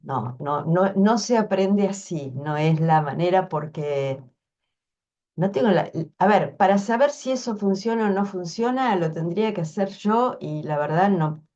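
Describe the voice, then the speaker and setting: A woman with a fairly low voice answers questions frankly. She thinks aloud and explains step by step. The video call audio sounds a bit muffled. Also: lively intonation, measured pace, mellow. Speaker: workshop instructor answering questions. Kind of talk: casual online Q&A.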